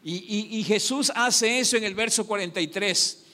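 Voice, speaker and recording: A man's voice: high-pitched, moderate pace, sharp tone. A man preaching a sermon, asking his congregation questions and answering them himself. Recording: long hall reverb.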